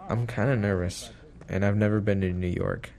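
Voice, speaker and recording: Young man, eighteen, low pitch, casual first-person documentary narration. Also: fairly even intonation, normal speed, vocal fry, a little mellow. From Indiana, USA. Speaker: college music student in a documentary.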